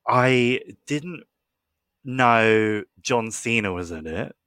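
Bright-voiced young man gushing. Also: mid-range voice, lively intonation, drawn-out words, smooth, no room sound. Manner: gushing, chatty, lots of fillers. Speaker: podcast co-host. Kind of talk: casual chat.

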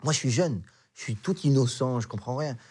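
A young man from Morocco, a comedian guest, telling a story in a casual, animated way and acting out the dialogue. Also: mid-range voice, fairly quick, slightly rough.

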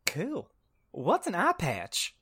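Whimpering emo boy, squeaky high and swooping, unhurried, as a man puts him on. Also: wildly swooping pitch, pushed and bright, breathy edge, full character voice. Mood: whiny. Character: whiny emo young man, whimpering and dramatic.

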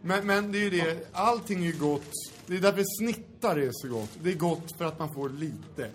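A man's voice: on the high side, expressive, faint music behind. A man in casual comedic chat, teasing and jokey.

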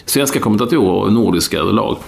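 Gravelly deep-voiced man. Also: expressive. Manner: rambling, blunt, with many fillers. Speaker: podcast co-host. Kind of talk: casual football chat.

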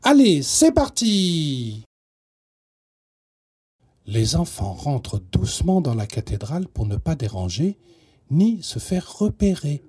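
A man narrates a children's storybook with a lively, expressive voice. His tone is mellow and soft with a husky grain, and the pitch sits a bit high. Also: moderate pace.

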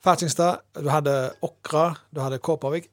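A man, co-hosting a podcast in quick, joking banter. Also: fairly high pitch, steady tone, no room sound, clean studio sound. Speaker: podcast co-host. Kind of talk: casual chat.

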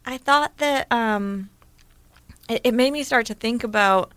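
A woman's voice: a little high, a little slow, fairly bright tone, smooth, dry recording. A woman co-hosting a podcast, chatting casually and musing aloud with many questions. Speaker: podcast co-host. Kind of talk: casual chat.

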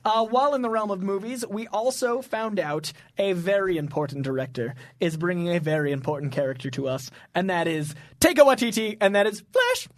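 A man's voice: sits high, expressive, brisk, hardly any pauses, dry recording, clean studio sound. Playful, jokey man co-hosting a podcast. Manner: playful, jokey, self-deprecating asides. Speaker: podcast co-host. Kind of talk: casual chat.

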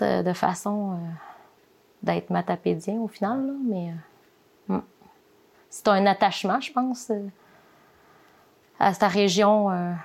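A woman's voice: mid-range voice, vocal fry, darkish tone. A woman with a Quebec French accent, a guest explaining at length, hesitating with many fillers. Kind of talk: interview testimony.

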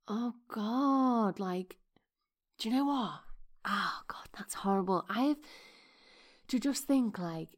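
A woman's voice: fairly high pitch, lively intonation, takes it slowly, long pauses. A woman hosting her podcast, chatting casually with whispered asides while her voice keeps cracking. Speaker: podcast host.

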